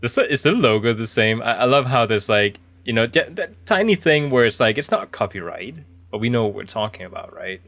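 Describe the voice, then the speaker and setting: A man's voice: mid-range voice, big pitch swings, brisk, creaky, few pauses, fairly bright tone. A man giving casual video game commentary, thinking aloud in a chatty, easily impressed way. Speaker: video game streamer playing an indie horror game.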